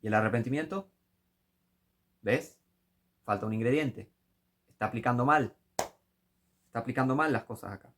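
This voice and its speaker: In a mid-range voice at normal speed, broken by long pauses, a Rioplatense Spanish-accented man preaches. He offers critical commentary on a sermon, rebuking his audience until he's shouting with passion.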